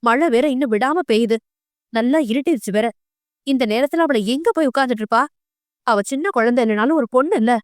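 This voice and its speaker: A stern, reproachful older mother from an audio novel, acted by a woman narrator. She scolds fast in a raised, high voice. The sound is dry and close. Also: lively intonation, no echo. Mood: scolding.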